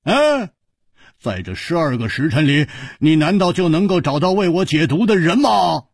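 A man's voice: a little high, sing-song, normal speed, slightly rough, no room sound, studio quality, pitched above the performer's own voice, exaggerated voice. A man voicing a brash, carefree young swordsman who blusters and stammers. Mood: defiant. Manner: loud, boisterous, stammering fillers. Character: brash carefree young male swordsman, poisoned yet joking.

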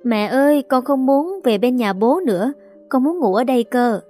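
A woman voicing a small chatty daughter who pleads with her parents in a high childlike voice, with soft music behind. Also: normal speed. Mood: pleading.

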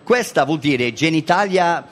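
A man's voice: on the high side, lively intonation, measured pace, fairly bright tone. Man with an English accent speaking Italian. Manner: playful, mixes English into Italian, acts out sounds. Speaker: English teacher guest. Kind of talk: casual radio chat.

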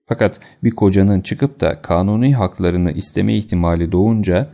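Deep, gravelly male audiobook narrator. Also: normal speed. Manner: steady, even storytelling. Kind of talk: scripted narration.

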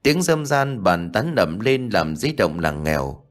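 Low-voiced male ghost-story narrator. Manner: steady, measured storytelling. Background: faint music.

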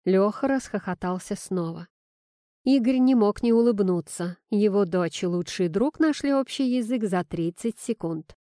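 A woman with a mid-range voice narrates an audiobook in an even, steady storytelling manner. The sound is close and dry with no room echo. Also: medium pitch, moderate pace. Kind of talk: scripted narration.

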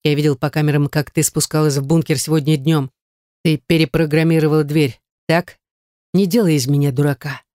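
A stern, cold grown man bites off his words in clipped, grim lines, as a woman narrator puts him on. The voice sits low and even. It is an audiobook character, recorded close and dry. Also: fairly quick, dry recording, natural voice.

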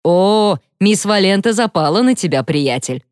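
A woman's voice: medium pitch, lively intonation, measured pace, a little mellow, no room sound, clean studio sound, lightly acted. A woman voicing a teenage boy who mocks a classmate. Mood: mocking. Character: teasing teenage boy bully.

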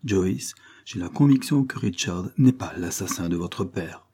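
A man reading aloud voices a calm, firm gentleman lawyer, steady and earnest. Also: deep voice, measured pace, husky, exaggerated voice.

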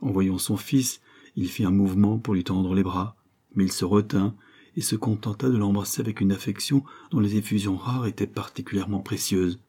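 A man narrating a classic novel as an audiobook, reading in a measured, even way. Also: lowish voice, husky.

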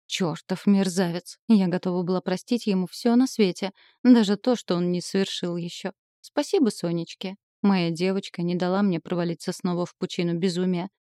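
A woman narrates a romance novel in the first person with expressive, emotional delivery. Her voice sits low and mellow. The recording is close and completely dry. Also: dry recording. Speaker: audiobook narrator.

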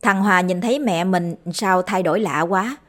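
A woman narrating a ghost story in a steady, unhurried way. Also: fairly low pitch.

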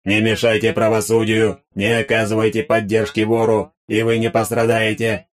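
A man doing a flat, dry robot cop. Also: lowish voice, moderate pace, natural voice. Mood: commanding. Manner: flat monotone robot delivery. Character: dry, emotionless male robot police officer. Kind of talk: audiobook character voice.

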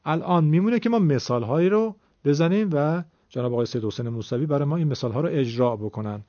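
A man's voice: a little high, a little mellow, no room sound. A man teaching Quran recitation rules, explaining patiently step by step and asking his students questions. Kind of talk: classroom-style lesson explanation. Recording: dull, lo-fi dry recording.

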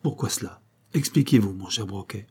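A man voicing an excitable male government minister in an audiobook, with an emphatic, agitated delivery. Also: fairly low pitch, moderate pace, husky. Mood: puzzled. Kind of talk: audiobook character reading.

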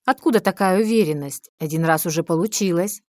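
A woman reading an audiobook, voicing a defiant young heroine who talks in a sharp, sarcastic way. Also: fairly low pitch, a little fast, dry recording, clean studio sound, lightly acted.

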